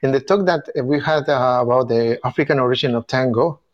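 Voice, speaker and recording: A tango event organizer from Argentina, Spanish his first language, enthusiastically leads a casual group video chat about tango in accented English. His medium-pitched voice comes through with lo-fi sound, and his non-native phrasing is halting, with restarts.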